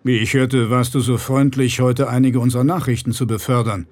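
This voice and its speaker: A man voicing a big, powerful rich man who speaks in a booming, gruff and coldly courteous manner. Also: steady tone, a little fast, darkish tone, lightly acted.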